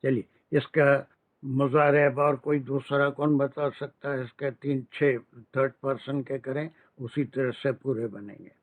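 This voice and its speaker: Male teacher, patient drill-style delivery, slow measured talk, dry tinny call audio. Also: medium pitch, fairly even intonation, dry recording. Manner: patient, drills verb forms, mixes English phrases. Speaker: Arabic grammar teacher. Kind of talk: online class teaching.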